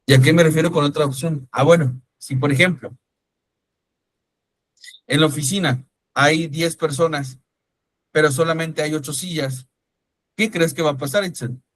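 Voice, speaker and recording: A man's voice: on the high side, steady tone, normal speed, pauses often, no echo, poor audio. A man teaching a class, talking conversationally, calling on students by name and checking whether they follow. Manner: conversational, calls on students by name, frequent "¿sí me explico?". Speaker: instructor. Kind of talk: online-style class lecture with questions to students.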